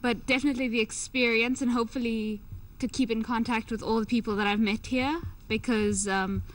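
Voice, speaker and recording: A woman's voice: fairly high pitch, steady tone, fairly quick, low-quality recording. A woman giving casual, conversational answers as a programme participant.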